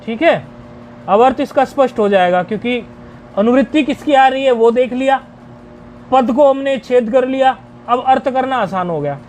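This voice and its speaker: A man teaching a grammar lecture, explaining rules deliberately and chanting each rule syllable by syllable. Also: very high voice, animated, a little mellow, slight background noise.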